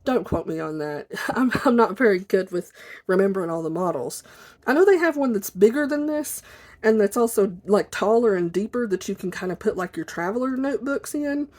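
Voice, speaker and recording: A woman chatting casually and informally at her desk for a video, in an apologetic, rambling way, with a squeaky chair that may creak behind her. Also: expressive, fairly quick, darkish tone. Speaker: video blogger. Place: at a desk indoors.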